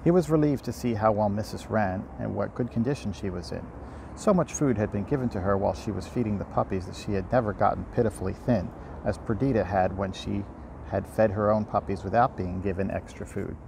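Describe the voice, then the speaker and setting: Outdoors by a river, a man reads a storybook aloud informally as an amateur audiobook reader and host, stumbling and rereading lines now and then. His voice is on the low side with vocal fry, a little fast, over faint outdoor ambient noise.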